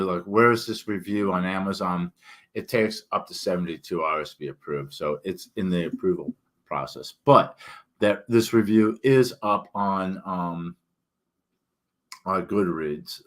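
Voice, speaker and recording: Low-voiced man with thick, swollen-tongue speech. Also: a bit bright. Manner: halting, rambling, self-interrupting. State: sore mouth and throat. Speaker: author and book reviewer. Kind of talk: casual solo vlog talk.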